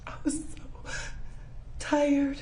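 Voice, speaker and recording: Softly testifying woman, courtroom mic. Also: sits high, completely flat delivery. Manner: halting, emotional, soft-spoken. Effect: courtroom microphone recording. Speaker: trial witness. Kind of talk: sworn testimony.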